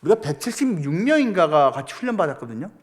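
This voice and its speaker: A middle-aged man preaching a sermon, telling a story with lively acted-out quotes. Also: fairly high pitch, quick pace. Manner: animated storytelling, acting out prayers and quotes. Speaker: pastor.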